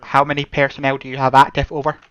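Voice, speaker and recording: A man's voice: mid-range voice, completely flat delivery, fast, fairly bright tone, smooth, no echo. Guy on a walkie-talkie doing clipped radio calls, kinda dull muffled audio. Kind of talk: military radio procedure.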